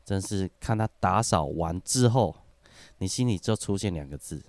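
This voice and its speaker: Man, very low voice, lively swings in pitch, dry close sound, casual podcast chat. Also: moderate pace, no room sound. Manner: chatty, laughs often while telling stories. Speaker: podcast guest.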